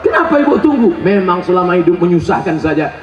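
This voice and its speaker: A man's voice: high-pitched, sing-song, fast, a crowd in the background, background noise. A man voicing a weary, blunt widow who complains in a matter-of-fact way, in a roomy, distant, lo-fi recording. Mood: flat, unbothered. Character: unbothered middle-aged widow, blunt and weary. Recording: roomy lo-fi sound from a distant mic.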